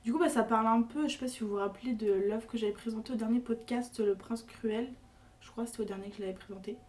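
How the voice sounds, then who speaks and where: A woman's voice: on the high side, steady tone, fast, a little mellow, recorded from a distance. A young woman presenting a book on a podcast in casual chat, hesitant with many fillers and restarts. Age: young adult.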